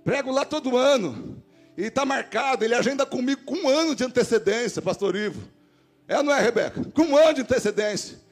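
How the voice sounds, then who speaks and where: A man with a Brazilian Portuguese accent, a pastor giving an animated sermon and acting out the dialogue in his stories. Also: very high-pitched, fast talker, soft background music. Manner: animated preacher voicing quoted dialogue. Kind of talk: sermon with storytelling. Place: church service.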